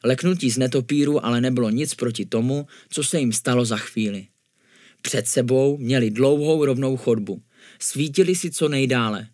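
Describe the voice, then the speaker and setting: A man reading a spooky children's story aloud in a calm, even way, his voice sitting at an ordinary middle pitch. The recording is close and dry, with no echo around him. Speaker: narrator. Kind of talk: storybook narration.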